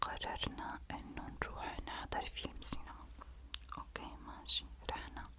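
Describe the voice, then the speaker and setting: Whispering woman with a Levantine Arabic accent. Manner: deliberately indistinct, murmured whispering. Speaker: ASMR creator telling a personal story to viewers. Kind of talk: ASMR whispered storytelling.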